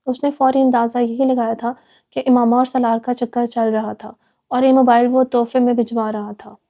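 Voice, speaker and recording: A woman storyteller reading a novel aloud in even, steady narration. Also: a little high, highs cut off.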